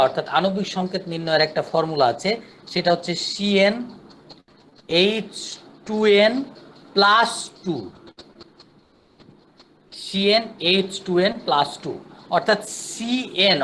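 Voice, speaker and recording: A male chemistry teacher gives an online lecture in a high voice. He is patient and repeats himself, counting items out one by one. A faint ambient hum sits behind him. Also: unhurried, pauses often, fairly bright tone. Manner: patient, repetitive, counts steps aloud.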